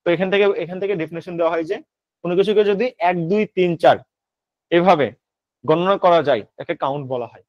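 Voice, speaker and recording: Fast-talking high-voiced male tutor. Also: no room sound. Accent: Bangladeshi. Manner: drilling with quick questions he answers himself. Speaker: English tutor. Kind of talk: online admission-prep grammar lesson. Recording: slightly dull lo-fi audio.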